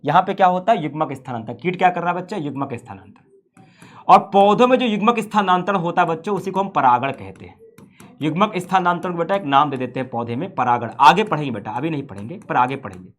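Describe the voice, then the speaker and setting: High-voiced playful teacher. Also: male voice, expressive, quick pace. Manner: playful, asks rhetorical questions, calls students "son". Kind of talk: classroom science lecture.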